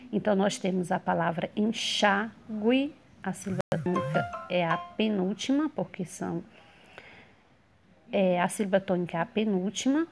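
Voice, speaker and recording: A woman teacher with a Brazilian Portuguese accent walks her students through a grammar exercise. She talks slowly and deliberately, spelling out letters and syllables one by one. Her voice has a gravelly, creaky edge. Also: medium pitch, darkish tone.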